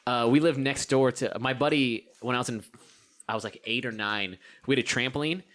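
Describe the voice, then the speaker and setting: A young man co-hosting a podcast, telling a story in casual chat, swearing and acting out the other people in it. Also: mid-range voice. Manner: animated, swearing, acts out voices in stories. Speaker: podcast co-host.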